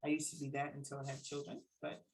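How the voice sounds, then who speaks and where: A woman in her forties hosting a casual interview, laughing often and giving quick encouraging replies. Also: low voice, monotone, a little mellow, slight background noise, rough recording. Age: 40s. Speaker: host.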